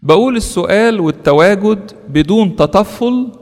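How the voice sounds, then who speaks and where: A man's voice: high-pitched, lively intonation, normal speed, darkish tone, in a large hall. A man with an Egyptian Arabic accent, a priest giving an earnest sermon that is full of rhetorical questions and lists.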